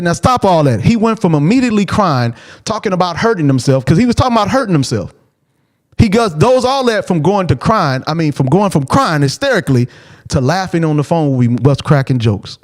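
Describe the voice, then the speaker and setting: A man, a father and show host, telling a personal story in a blunt, animated way, repeating key phrases and acting out what he said. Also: on the high side. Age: adult, father of a preteen. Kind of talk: casual storytelling.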